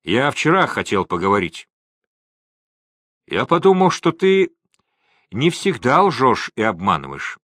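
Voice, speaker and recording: A man's voice: mid-range voice, wildly swooping pitch, a little slow, long pauses, a bit bright, no room sound, studio quality, exaggerated voice. Man voicing a blunt, demanding young native man. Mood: stern.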